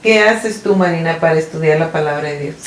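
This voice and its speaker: A woman's voice: low voice, fairly quick. A woman co-hosting a podcast in a casual faith chat, often tagging her sentences with a questioning "¿verdad?". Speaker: podcast co-host. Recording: echoey room.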